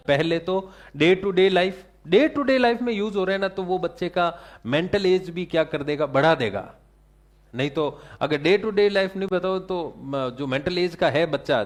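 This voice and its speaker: Man lecturing a class, quizzing as he goes. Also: a little high. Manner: asks the class questions and answers them himself; mixes English terms into his talk. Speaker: teacher.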